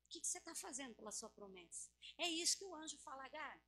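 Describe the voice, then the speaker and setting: A woman from Brazil delivers a sermon in church with a high, bright, cutting voice. She exhorts her listeners passionately, rising to loud calls and falling back to near-hushed tones. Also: expressive, fast. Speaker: preacher.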